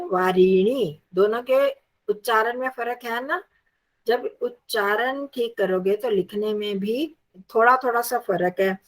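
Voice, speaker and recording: Slow, patient woman teaching Sanskrit. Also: medium pitch. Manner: patient, drills word forms aloud. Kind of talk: online Sanskrit lesson.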